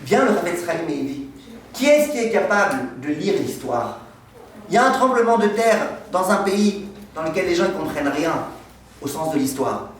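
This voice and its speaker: A rabbi gives a lively class, bouncing questions off his students and weaving in funny stories. His voice sits a little high for a man. It rings around a reverberant room, picked up from some distance away, with a faint hiss behind it. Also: normal speed. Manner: asks the class questions and answers them, tells anecdotes. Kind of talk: lively Torah lesson with humor. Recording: echoey room, mic far off.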